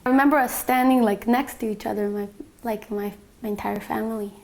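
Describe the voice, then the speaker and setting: A young woman from Bosnia giving a reflective personal testimony, soft-spoken and full of small fillers. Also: a little high, steady tone, a little fast, vocal fry. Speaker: interviewee.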